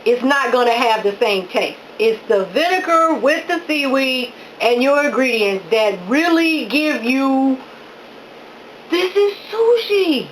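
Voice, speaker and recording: A woman with a high voice talks slowly and unhurriedly, gushing with delight between bites as she tastes her own cooking. She chats through mouthfuls at home, with a faint hiss of background noise in the recording. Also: poor audio. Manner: talking with her mouth full while chewing. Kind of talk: casual talk while tasting food.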